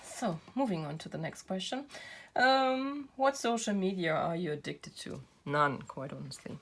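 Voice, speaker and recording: Slow gravelly-voiced woman crafting and chatting. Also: fairly low pitch, expressive, a little hiss or hum. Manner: rambling, self-deprecating, laughs often. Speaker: craft channel host. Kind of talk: casual chat while crafting. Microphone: built-in camera mic.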